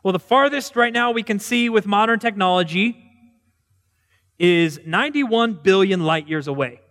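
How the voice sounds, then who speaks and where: A male preacher delivers a conversational sermon in a high voice. His words echo through a large sanctuary with a long, lingering reverb. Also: lively intonation, moderate pace, a bit bright. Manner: conversational, storytelling, asks questions.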